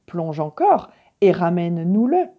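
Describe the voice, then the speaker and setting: A woman's voice: fairly low pitch, sing-song, unhurried, husky, lo-fi sound, heavily acted. A woman reading aloud voices a lonely old male coyote spirit, in an earnest, eager storytelling voice.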